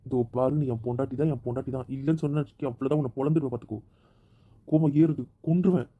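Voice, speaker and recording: A man's voice: medium pitch, fairly even intonation, racing, phone-quality sound, a little hiss or hum, natural voice. A man playing a possessive, hot-tempered young husband who keeps demanding that his wife come back to their room, in an amateur audio drama. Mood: insistent. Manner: insistent, stubborn, repeats his demands.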